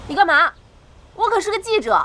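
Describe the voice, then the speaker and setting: A woman's voice: very high voice, sing-song, a little fast, background noise. An actress playing a headstrong female army reporter who talks boldly and scolds. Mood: indignant. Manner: bold, insistent, scolding. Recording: drama audio with music behind.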